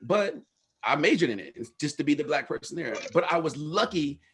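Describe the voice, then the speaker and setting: A man's voice: on the high side, lively intonation, fairly quick, fairly bright tone, a little hiss or hum. A middle-aged man from Los Angeles, a researcher speaking casually to an audience, telling candid life stories with slang and swearing.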